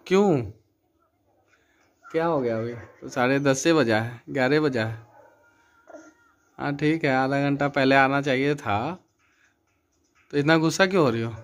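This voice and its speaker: A man's voice: medium pitch, measured pace, pauses often. A young man, filming a casual home vlog at night on a phone and coaxing and teasing his wife, often repeating himself. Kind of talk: casual family vlog chat.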